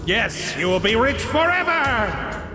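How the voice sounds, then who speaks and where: An imperious genie, very high-pitched and wildly swooping. He scolds and commands in theatrical bellows, like a storybook cartoon spirit. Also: very animated, slow, over music, exaggerated voice. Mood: grand, commanding. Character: loud bossy male genie in a dream, imperious and scolding. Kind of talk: animated storybook acting.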